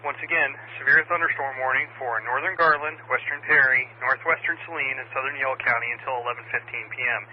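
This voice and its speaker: A man's voice: mid-range voice, steady tone, quick pace, few pauses. An American man working as an amateur radio net controller, reading out weather bulletins and call signs in a procedural way over a two-way radio. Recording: phone-like radio audio with static noise.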